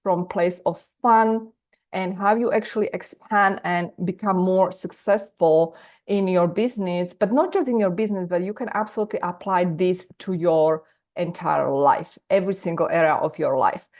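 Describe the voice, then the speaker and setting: This Slovak woman speaks at a moderate pace in a lowish, darkish voice with a Slovak accent. Coaching business in a live online masterclass over video call, she talks energetically and repeats words for emphasis.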